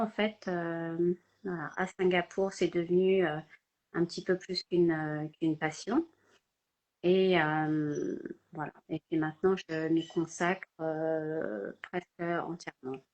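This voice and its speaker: A woman's voice: on the low side, steady tone, slow pace, highs cut off. An older woman from France, speaking hesitantly with many fillers as a guest in a casual live video-call interview. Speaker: guest photographer.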